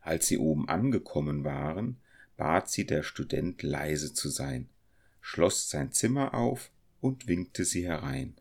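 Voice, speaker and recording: A man narrating a storybook in an even, measured way. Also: a bass voice, vocal fry. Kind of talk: storybook reading.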